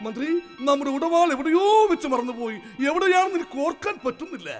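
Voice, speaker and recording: A man playing a vain, bumbling king in a live stage comedy skit, talking in a loud, exasperated, theatrical way. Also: very high voice, lively intonation, fast talker, big-room sound, faint music behind. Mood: blustering.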